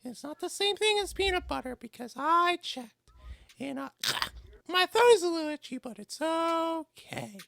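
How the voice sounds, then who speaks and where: A man voicing a small boy in a high, squeaky, cartoonish voice. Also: expressive, measured pace, gravelly, bright, forceful tone, no room sound, heavily acted. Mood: chirpy. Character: small boy with a peanut allergy.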